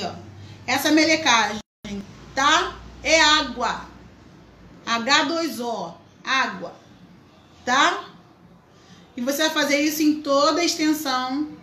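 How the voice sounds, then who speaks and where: Female craft host, high and bright, chatty, in an echoey room. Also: a little hiss or hum. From Brazil. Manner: chatty, greets viewers by name. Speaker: craft teacher, live stream host. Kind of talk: live craft tutorial.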